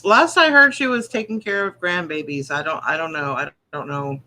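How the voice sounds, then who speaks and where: A woman's voice: low voice, moderate pace, pushed and bright. A woman co-hosting a live show in casual chat, with a teasing, correcting manner. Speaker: live online show co-host. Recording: clear background noise.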